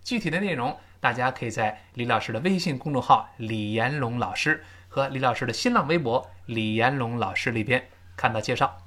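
A middle-aged man teaching spoken English in Chinese, modeling short English phrases slowly and stressing key words. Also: medium pitch, a bit bright. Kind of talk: bilingual language lesson.

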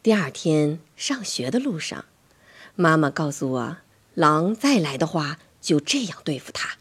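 Slow, husky woman reading to kids. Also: low voice. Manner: animated, dramatic, dips into whispers. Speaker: storyteller. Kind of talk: bedtime story reading for children.

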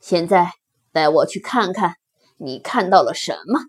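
A woman voicing a calm, steady male lion in a children's story, speaking lower, firm and reassuring. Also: unhurried, breathy edge.

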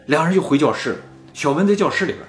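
This storyteller host has a fairly high-pitched voice and speaks quickly as he shares a spooky story in a casual chat. He acts out the quoted lines with animation over soft background music in a roomy-sounding space.

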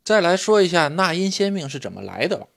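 A man co-hosting a podcast who explains things at length in a steady, agreeable way. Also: high voice, fast, gravelly. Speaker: podcast co-host. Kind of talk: explanatory casual chat.

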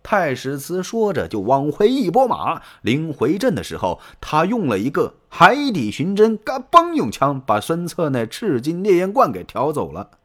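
Animated storyteller man. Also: fairly high pitch, normal speed, few pauses. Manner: animated, colloquial, dramatic. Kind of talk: traditional pingshu storytelling.

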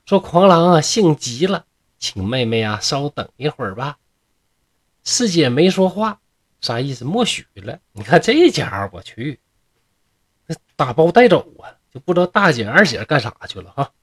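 A man's voice: fairly high pitch, very animated, normal speed, husky. A man with a Northeastern Chinese accent telling a classic tale in a humorous way, with chatty jokes and asides to the listeners. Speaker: storyteller.

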